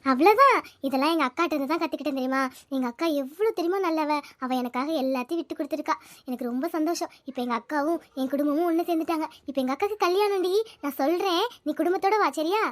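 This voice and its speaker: A woman's voice: high voice, fast talker, no room sound, close to an everyday voice. A woman voicing a caring, talkative village schoolgirl, coaxing and reassuring her friend. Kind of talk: cartoon voice acting.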